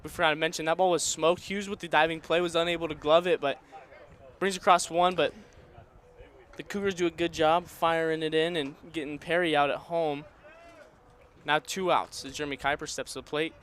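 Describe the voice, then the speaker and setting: A man's voice: on the high side, fairly even intonation, fairly quick, a bit bright. A man doing color commentary on live college baseball from a ballpark press box, with dry teasing humor.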